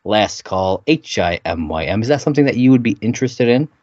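A man's voice: on the low side, expressive, brisk, darkish tone, no echo. A man co-hosting a podcast, chatting in an easygoing, rambling way and laughing often. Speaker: podcast co-host. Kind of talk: casual chat recapping a sitcom episode. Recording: dry, dull lo-fi sound.

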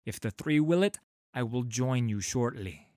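A man voicing a stern, commanding female warrior in an audiobook, barking curt, forceful orders. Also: mid-range voice, animated, unhurried, no room sound, studio quality, lightly acted. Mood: solemn.

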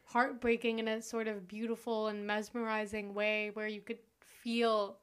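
A woman co-hosting a film podcast, talking quickly and enthusiastically in casual chat. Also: mid-range voice, flat delivery, clear, resonant tone. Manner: quick, enthusiastic, laughs often. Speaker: podcast co-host.

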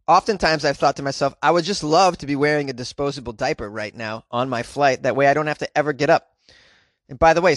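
Animated male comedy host recording inside a closet. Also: on the high side, dry recording, studio quality. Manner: animated, caffeinated, goofy, repeats phrases for effect. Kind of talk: comedic news commentary and rambling monologue.

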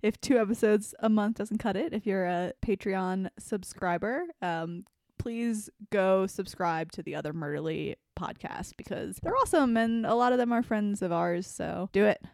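A woman's voice: medium pitch, normal speed, gravelly, a little mellow, dry recording. Woman, mid-range voice, casual podcast banter, frank and informal, dry close-miked sound. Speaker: podcast co-host. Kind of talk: casual unscripted podcast chat. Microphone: close podcast microphone.

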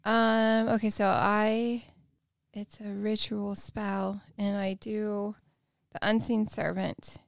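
A woman takes her turn in a tabletop game, hesitant and full of fillers as she checks what she may do. Her voice has a gravelly, creaky edge. The sound is dry and close. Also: mid-range voice, little pitch movement, takes it slowly, no echo. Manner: hesitant, asks before acting, filler-heavy. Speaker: player.

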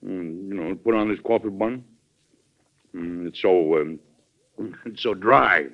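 A man's voice: low-pitched, slow pace, exaggerated voice. A man playing a hearty, authoritative American president in an old radio drama, jovial and commanding. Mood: coaxing, jovial. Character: genial, hearty, authoritative male American president, fond of food. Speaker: actor. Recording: dull old radio recording.

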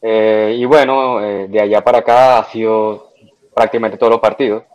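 A man talks as a guest on a casual podcast, easing into his answers and repeating words at the starts. His voice sits fairly low. He sounds relaxed. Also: normal speed, smooth, poor audio.

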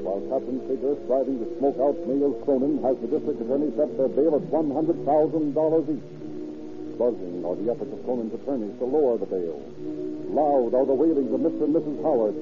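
A man's voice: medium pitch, lightly acted. A male actor as a solemn, florid narrator of a 1930s radio crime drama, with pompous newsreel phrasing. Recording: dull old radio recording, music behind.

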